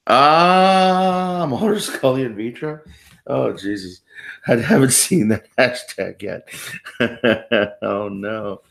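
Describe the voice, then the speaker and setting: A man's voice: on the low side, lively intonation, takes it slowly, gravelly. A man co-hosting a live stream chat, talking casually and rambling a bit, sounding tired. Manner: rambling, self-interrupting. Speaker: co-host of a live stream discussion.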